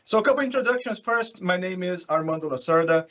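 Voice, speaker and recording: A Brazilian consultant whose first language is Portuguese speaks English with a Brazilian accent in a high-pitched, expressive, fast and slightly bright voice. He gives an informal, chatty online conference presentation remotely from California, chuckling often, over dull lo-fi call audio.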